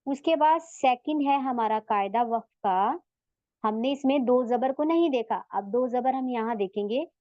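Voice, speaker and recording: A woman with a slightly high voice teaches a tajweed class online. She is patient and takes each step in turn, pausing to ask her students questions and stretching Arabic words out slowly to demonstrate them. The sound is dry and a little dull. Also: dark tone, dry recording. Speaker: Quran recitation teacher.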